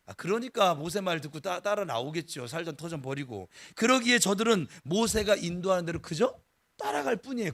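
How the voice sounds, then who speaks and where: A middle-aged male pastor preaching a sermon, animated and dramatic, now and then acting out grumbling people in a regional dialect. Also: high-pitched.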